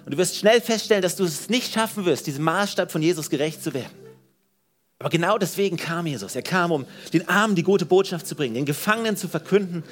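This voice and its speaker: A man preaches a sermon in church. His voice sits high for a man, and his delivery is lively and emphatic. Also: fast, soft background music. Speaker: pastor. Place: church service.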